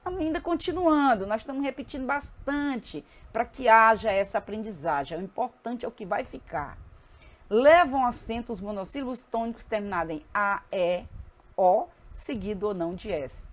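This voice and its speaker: Patient woman teaching a grammar lesson. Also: mid-range voice. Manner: spells out letters slowly, asks frequent check-in questions.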